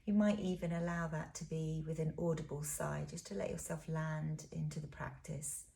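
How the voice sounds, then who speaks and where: Guiding a body scan, this relaxation teacher speaks in a low, soothing voice that stays fairly even in intonation. She is unhurried and gentle, letting her phrases trail off softly and breathily.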